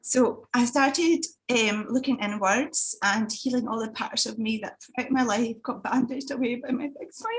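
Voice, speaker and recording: An Italian-born woman in her thirties gives a personal testimony talk as a summit speaker over a video call, hesitating often with fillers and restarts. Her voice is fairly high, at normal speed with few pauses. The recording is rough.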